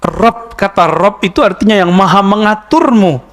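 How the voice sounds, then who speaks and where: A man giving a sermon in a lively, conversational way, full of rhetorical questions and asides, and chanting verses slowly. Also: high voice. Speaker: preacher.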